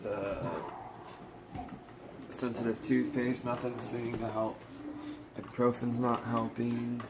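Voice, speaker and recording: A man's voice: mid-range voice, little pitch movement, slow. Tired male vlog co-host, casual and talkative, mid-range voice, noisy recording. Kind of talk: casual chat.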